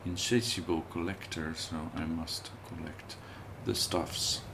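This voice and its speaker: A man livestreaming a video game gives casual let's-play commentary, thinking aloud and chatting with viewers in a relaxed way. His voice rumbles low and comes a little slow and gravelly, over a noisy background.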